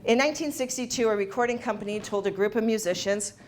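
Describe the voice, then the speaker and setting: A woman's voice: mid-range voice, fast talker, a little hiss or hum. A woman giving a motivational talk to a live audience, emphatic and repeating key phrases for effect. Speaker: motivational speaker. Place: event hall.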